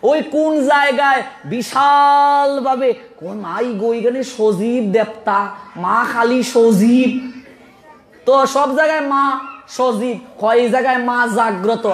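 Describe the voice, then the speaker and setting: A man with a Sylheti accent preaching a sermon full of humorous anecdotes, animated and often laughing as he scolds. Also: very high voice, roomy sound. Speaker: religious preacher.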